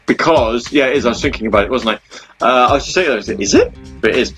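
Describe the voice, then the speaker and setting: A man's voice: medium pitch, lively intonation, fast, a bit bright, soft background music. A man in his thirties hosting an internet radio show, rambling chattily with lots of ums and restarts. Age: 30s. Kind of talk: casual chat.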